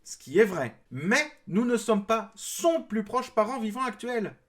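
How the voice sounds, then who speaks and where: A man's voice: sits high, big pitch swings, a little slow, fairly bright tone. A man from France giving a critical commentary in reply to a clip, explaining his points with mild sarcasm. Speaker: video creator responding to a clip.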